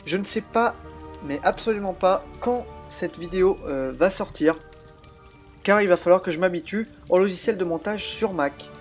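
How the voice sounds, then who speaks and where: A let's play host with a slightly altered, high-sitting voice talks casually at a normal speed while playing a video game, explaining as he goes with frequent hesitations. It's recorded on a laptop's built-in mic, with soft music in the background.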